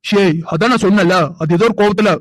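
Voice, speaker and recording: A man's voice: high voice, quick pace, dry recording, lightly acted. A man voicing a young man in a cartoon who pleads with his partner and apologizes. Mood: defensive. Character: young man Karthik, remorseful fiancé. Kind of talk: cartoon dubbing.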